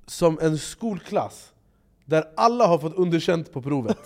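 Animated swearing young-sounding man. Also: on the high side. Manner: animated, swearing, acts out quotes in loud raised voices. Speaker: podcast co-host. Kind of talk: casual chat.

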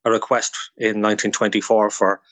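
Speaking a little fast, an Irish expert guest explains history casually in an interview, informing and telling stories as he goes. He has a fairly low, level voice with a fairly bright tone, and the recording is dry.

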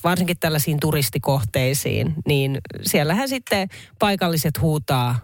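Lively chatty woman radio host. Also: deep voice, no echo, clean studio sound. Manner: chatty, animated, reads listener messages aloud. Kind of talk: casual radio show chat. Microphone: studio microphone.

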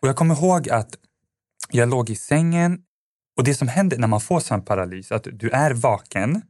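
A man's voice: mid-range voice, animated, a little mellow, no room sound, studio quality. A man, a podcast guest, telling a personal story in a casual, rambling way with lots of fillers and restarts.

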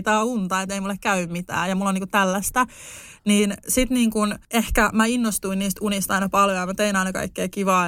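Young woman, podcast co-host, casual lively storyteller, dry recording. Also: no echo. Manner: animated, lively storyteller with sudden high outbursts.

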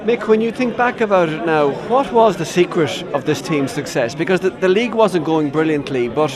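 An Irish man works as a sports interviewer, asking conversational questions. His voice is a bit higher than average. Crowd noise is clearly heard behind him. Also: expressive, normal speed.

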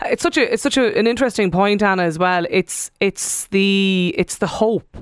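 Clear, smooth woman radio host. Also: mid-range voice, normal speed, no room sound, clean studio sound. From County Donegal, Ireland. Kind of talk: radio presenting, reading listener texts. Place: radio studio. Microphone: close studio microphone.

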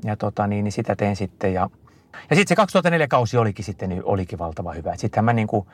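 A middle-aged man answering an interviewer in casual conversation, telling long rambling stories full of fillers and restarts. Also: lowish voice. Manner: rambling, lively storytelling with many fillers and restarts. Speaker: interview guest, endurance skier.

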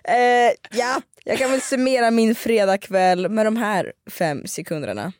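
A woman from Dalarna in Sweden, hosting a casual chat podcast and telling an animated story full of restarts and fillers. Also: fairly high pitch, slight background noise. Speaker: podcast host.

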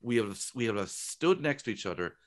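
Chatty Irish man with low voice. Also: moderate pace. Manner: chatty, animated, jokey storytelling. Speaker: guest comedian. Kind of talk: radio interview.

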